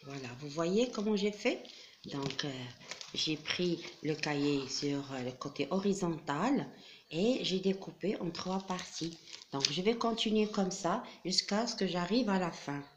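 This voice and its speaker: A woman explaining a classroom craft step by step, patient and methodical, with frequent pauses and fillers. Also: lowish voice, lively intonation, noisy background. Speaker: teacher.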